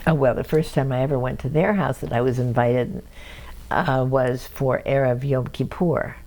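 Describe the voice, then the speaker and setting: This is an older woman from Cleveland, Ohio, USA, with a bass voice at normal speed. She shares family stories in an oral history interview, lively and anecdotal and often chuckling, though the audio is poor.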